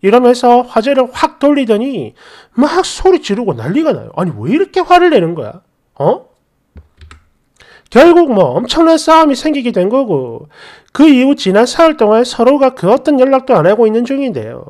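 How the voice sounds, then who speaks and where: Brief: high-pitched woman narrator, very animated delivery, reads an indignant personal story aloud. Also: brisk. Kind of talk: dramatic story reading.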